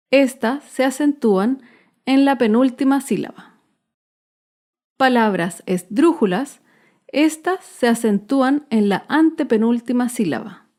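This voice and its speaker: Slow, careful female teacher voice. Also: on the high side, darkish tone. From Chile. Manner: careful, deliberate, stressing each syllable. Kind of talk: slow, clearly spelled-out grammar lesson narration.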